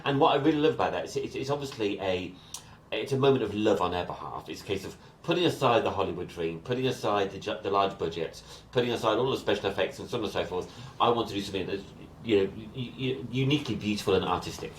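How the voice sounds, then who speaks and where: A man with a Scottish accent talks about movies with a keen, meandering energy, often doubling back mid-sentence. His voice sits on the low side, and the recording has a roomy echo. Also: fast, slight background noise. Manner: enthusiastic, rambling with restarts. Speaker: podcast co-host. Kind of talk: casual chat about films.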